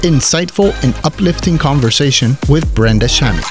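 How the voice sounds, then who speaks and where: A podcast host introducing a guest and asking relaxed, casual questions. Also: medium pitch, normal speed, loud music behind the voice. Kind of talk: conversational interview hosting.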